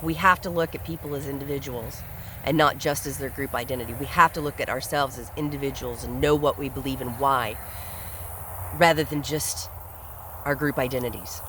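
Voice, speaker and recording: A man's voice: medium pitch, steady tone, fairly quick, fairly bright tone, slight background noise, rough recording. A man hosting a solo podcast, speaking in an earnest, reflective way and often repeating words as he thinks aloud. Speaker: podcast host. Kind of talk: solo commentary monologue.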